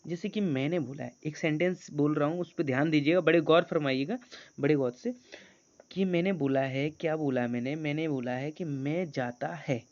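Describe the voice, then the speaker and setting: A male teacher leading an online grammar class, coaxing students and reading English sentences slowly. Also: a little high, a little mellow. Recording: dull lo-fi sound.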